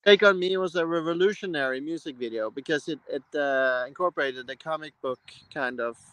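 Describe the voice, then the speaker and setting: A man's voice: fairly high pitch, a little fast, fairly bright tone, no room sound, rough recording. A man from Norway hosting a casual live stream, talking with enthusiasm in loose, rambling sentences full of restarts. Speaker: host. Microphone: live-stream mic.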